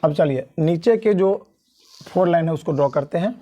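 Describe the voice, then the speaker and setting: A male teacher from Mithila gives a beginners' lesson at a board. His voice is mellow and dark, and he speaks slowly and deliberately, drawing out each letter and repeating key points. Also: on the high side, lo-fi sound. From Mithila region of India. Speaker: English teacher.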